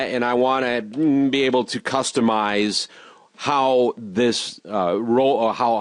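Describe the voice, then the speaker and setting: A man teaching robotics in a screen-recorded software tutorial, walking through each step patiently and repeating reminders. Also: mid-range voice, no room sound.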